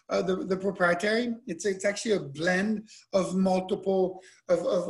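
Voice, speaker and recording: A man in his forties who grew up in Switzerland, a winemaker talking casually over a webcam, animated and given to repeating words. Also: high-pitched. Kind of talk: casual talk over video call. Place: indoor room with wine bottles and shelves. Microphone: webcam at close range.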